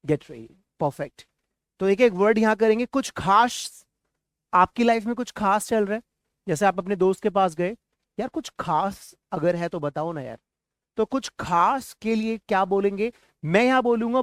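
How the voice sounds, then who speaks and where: High-voiced man teaching phrases. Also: dry recording, clean studio sound. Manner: coaxing, slows down sharply for English phrases. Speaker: spoken English teacher. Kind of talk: energetic classroom-style lesson, drilling phrases for repetition.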